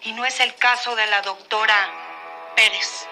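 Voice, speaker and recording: A woman's voice: a little high, fairly even intonation, a little slow, over music, lightly acted. A woman playing a haughty disapproving mother. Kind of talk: telenovela acting.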